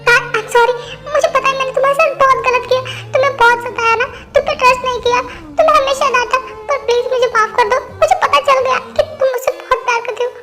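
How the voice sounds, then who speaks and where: A woman's voice: extremely high pitch, fairly even intonation, quick pace, soft background music. A woman voicing a remorseful young husband who tearfully begs his wife for forgiveness. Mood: pleading. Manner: pleading, tearful.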